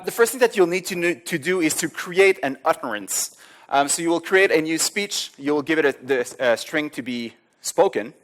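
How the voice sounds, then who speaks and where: A man presents a live tech talk, walking the audience through browser demos. He speaks casually in a middle-pitched voice, with plenty of ums and small chuckles between points. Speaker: conference speaker. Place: conference hall with audience.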